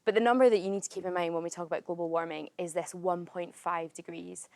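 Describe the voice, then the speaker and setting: A Scottish woman with a fairly low voice, explaining as a guest in a clear and animated way. The sound is dry and close, with no room around it. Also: fast talker, no echo. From Scotland.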